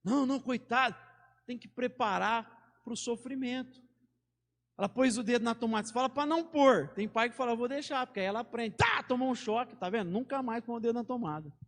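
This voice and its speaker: Man, Brazilian Portuguese accent, pastor, very high voice, chatty sermon with stories and slang, long church reverb. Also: brisk, fairly bright tone. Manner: conversational preaching with anecdotes and slang. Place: church sanctuary.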